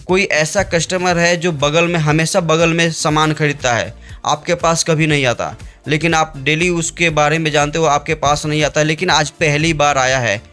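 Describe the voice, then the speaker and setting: A man's voice: a little high, fairly bright tone. A man giving informal advice to his viewers, chatty and repetitive, often restarting phrases and checking in with his audience. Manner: chatty, repeats "okay" and "friends". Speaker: business advice presenter. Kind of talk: informal explainer to camera.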